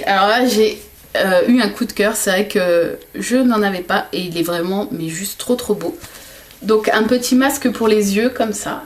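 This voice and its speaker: A woman vlogger chatting casually while unboxing gifts, hesitant and full of fillers. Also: medium pitch. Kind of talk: casual gift unboxing vlog.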